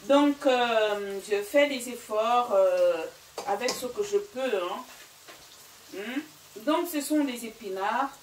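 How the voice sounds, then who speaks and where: A woman with a fairly high voice talks slowly in an echoey home kitchen, recorded from a distance with slight background noise and rough quality. She hosts a cooking channel and is from Gabon and Equatorial Guinea, chatting casually through her vlog in French, which isn't her first language (that's Fang or another local Equatorial Guinean language), with many fillers.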